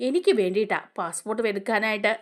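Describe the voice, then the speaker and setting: A woman voicing an earnest middle-aged family man who calmly explains the trip. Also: mid-range voice, quick pace, voice pushed down, close to an everyday voice.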